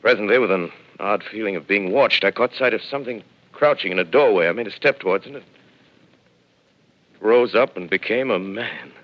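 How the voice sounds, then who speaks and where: Haunted lone professor, very deep voice, grave and measured, muffled AM radio sound. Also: male voice. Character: lone male professor surviving an alien invasion, shaken and weary. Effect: old AM radio broadcast sound. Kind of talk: 1930s radio drama narration. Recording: muffled 1930s AM radio broadcast.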